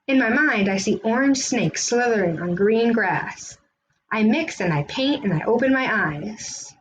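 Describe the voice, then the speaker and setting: A woman reads a children's picture book aloud with an expressive storytelling delivery. Her voice sits on the high side and moves a little slowly, and the rough recording carries slight background noise.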